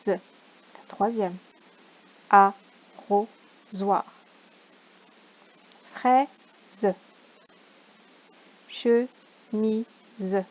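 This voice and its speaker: A primary school teacher, a woman, going over a homework correction for parents, sounding out each word slowly syllable by syllable. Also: mid-range voice, dark tone, dull audio. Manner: slow, deliberate, sounds out words syllable by syllable.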